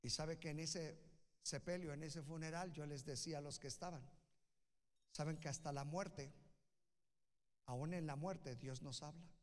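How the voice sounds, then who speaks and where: Male preacher, high voice, passionate sermon delivery in a reverberant hall. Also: fairly even intonation, measured pace, long pauses. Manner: impassioned, swings from hushed to loud calls.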